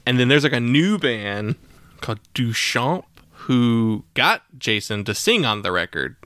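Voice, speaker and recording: A man with a bright, forceful tone and a smooth, crisp voice leads a casual podcast chat. He rambles in a relaxed way and laughs easily. The sound is close and dry. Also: medium pitch, a little slow, no room sound. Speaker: podcast host.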